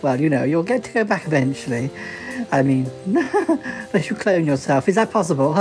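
Gushy theatrical lady presenter, woman doing the character, giggly, says darling a lot, soft music behind. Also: lowish voice, sing-song, moderate pace. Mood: gushing. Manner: effusive, giggly, calls everyone darling.

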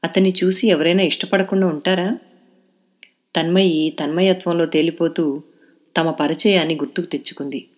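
Lady reading an audio novel, calm steady storytelling, lowish voice. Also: normal speed, long pauses. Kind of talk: scripted audio novel narration.

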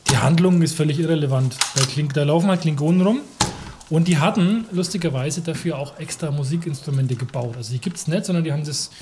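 A man's voice: fairly high pitch, fast talker, noisy background. A man from Germany in casual conversation as a podcast co-host, chatty, easily sidetracked, laughing often. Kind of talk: casual chat.

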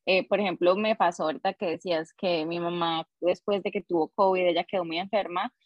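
A woman's voice: fairly low pitch, steady tone, fairly quick, no room sound, dull audio. A woman co-hosting a casual podcast, explaining her points in a friendly way. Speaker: podcast co-host.

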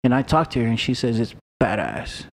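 A man's voice: medium pitch, sing-song, brisk, gravelly, a little hiss or hum. A man in casual podcast chat, joking and acting out the people he quotes.

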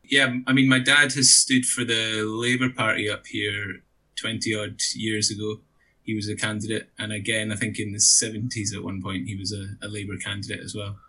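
Bright-voiced man with a Shetland accent. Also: on the low side, level tone, moderate pace. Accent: Shetland Scottish. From Shetland, Scotland. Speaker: interview guest, election candidate. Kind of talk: relaxed conversational interview answers.

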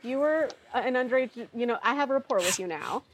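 A woman co-hosting a podcast, chatty and animated in casual talk. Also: on the high side, fast talker, low-quality recording. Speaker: podcast co-host. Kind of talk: casual chat.

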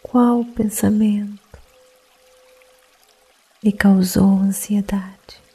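A meditation guide leads a sleep meditation in a soft, breathy voice that partly drops to a whisper, hushed and calming as if late at night. Her pitch is medium and her pace extremely slow.

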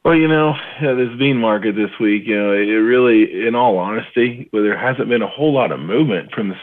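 Low-voiced man on a tinny phone line. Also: brisk. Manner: rambling, many fillers and restarts. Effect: heard over the phone. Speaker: market analyst guest. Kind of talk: casual market commentary.

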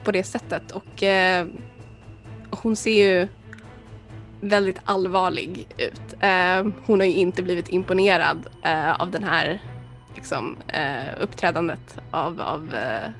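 Hesitant, gravelly-voiced woman player. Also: on the low side, soft background music. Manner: hesitant, many "eh" fillers. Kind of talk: casual role-play talk.

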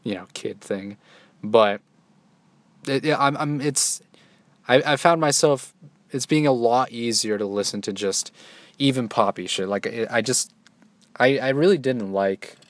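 A young man in his twenties talking casually to the camera, loose and halting, with many restarts and fillers. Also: medium pitch, dry recording. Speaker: solo vlogger. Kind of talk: casual rambling monologue.

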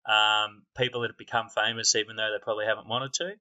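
A man co-hosting a casual podcast, joking in a dry, deadpan way. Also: lowish voice, fast talker. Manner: dry, deadpan, self-mocking humor. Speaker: podcast co-host. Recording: dull lo-fi sound.

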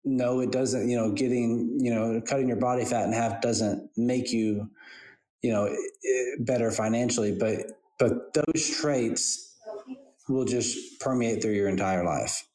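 A man's voice: medium pitch, fairly even intonation, measured pace, mellow. A man speaking as a financial advisor guest, talking chattily and candidly with everyday examples. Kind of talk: casual interview answers. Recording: roomy echo.

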